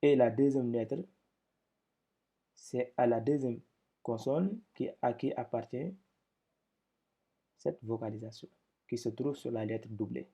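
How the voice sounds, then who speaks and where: A man's voice: medium pitch, slow pace, pauses often, warm tone, breathy edge. A man teaching a step-by-step lesson, explaining patiently with repetitions and speaking up when he drills syllables.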